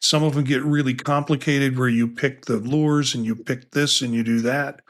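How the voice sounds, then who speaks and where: A man's voice: mid-range voice, steady tone, normal speed. A man co-hosting a casual tech podcast, talking in a rambling way with many restarts and asides. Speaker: podcast co-host.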